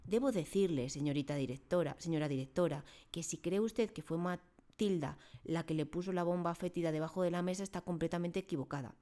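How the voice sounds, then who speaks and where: Woman reader doing a soft-spoken young teacher, polite and earnest, storybook. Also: fairly low pitch, fairly quick, close to an everyday voice. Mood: pleading. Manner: polite, pleading.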